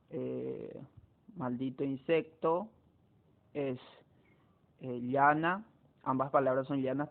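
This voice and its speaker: A man teaching a lesson on spelling rules, explaining step by step with frequent hesitations and restarts. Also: a little high. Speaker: Spanish teacher. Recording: tinny phone-like recording.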